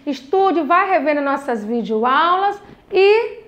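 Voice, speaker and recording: A woman's voice: sits high, animated, takes it slowly, fairly bright tone, highs cut off. A young Brazilian woman teaching a recorded lesson to children, patient and encouraging, drawing out each syllable of words. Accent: Brazilian Portuguese. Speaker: primary school teacher.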